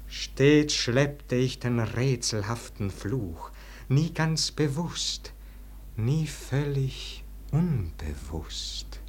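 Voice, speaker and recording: In a classic German radio verse drama, an actor plays a weary, disillusioned nobleman brooding over an unlived life. His voice is on the low side and exaggerated, declaiming solemnly and theatrically, sometimes sinking to hushed tones.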